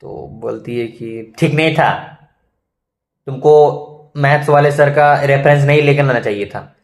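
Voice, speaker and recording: A young man telling a school story in a chatty, animated way, full of asides to his listener. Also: medium pitch, unhurried. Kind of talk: casual storytime vlog.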